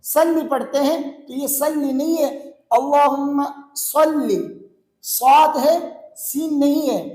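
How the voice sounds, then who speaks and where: A man with a notably high voice gives a recitation lesson. He is patient and deliberate, repeating phrases slowly so they can be learned. The recording sounds roomy and echoey. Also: a little mellow. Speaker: religious teacher.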